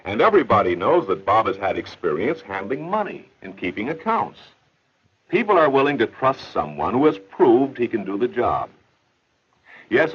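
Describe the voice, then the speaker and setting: Earnestly explaining as he tells the story, a male narrator voices an educational film at medium pitch with a slightly rough quality. The sound is that of a dull, old film soundtrack with a faint hiss.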